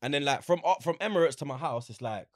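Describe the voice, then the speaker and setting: A man with a London roadman accent and heavy street slang, chatting casually and acting out exchanges as he tells animated stories. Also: fairly high pitch, fast talker, dry recording, studio quality. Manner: animated storytelling, acts out quoted exchanges. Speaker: interview guest, football fan. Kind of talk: casual anecdotal chat.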